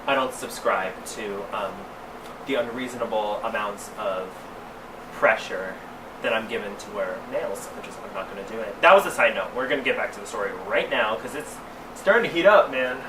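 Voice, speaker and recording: A man recorded away from the mic with clear background noise. He has a sassy drag queen manner, reading a story aloud for comedy. He stretches words for theatrical emphasis and breaks into casual, mock-scandalized asides. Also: fairly low pitch, moderate pace. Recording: roomy, distant mic, clearly noisy background.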